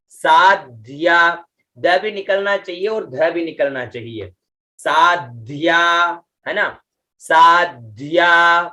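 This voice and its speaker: Middle-aged male teacher, slightly high, bright voice, slow deliberate chanting delivery, patient with repeated checks. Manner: slow, drawn-out chanting of mantra syllables with pitch-accent explanations; patient, repeats "ठीक है" and "है ना" often. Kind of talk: online class lesson.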